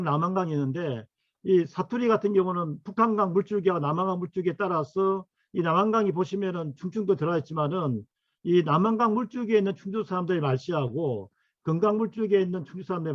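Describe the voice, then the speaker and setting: A middle-aged man lectures on regional history, his voice sitting a bit high for a man. He pauses often with fillers as he works through his slides. The sound is dry and somewhat muffled. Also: dry recording. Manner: halting, full of fillers, asks for next slide. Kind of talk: academic lecture to workshop attendees.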